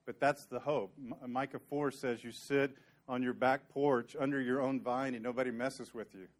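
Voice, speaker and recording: The man preaching has a medium-pitched, steady voice at a normal speed. He teaches the sermon conversationally and earnestly, moving through scripture and sometimes joking dryly with those gathered.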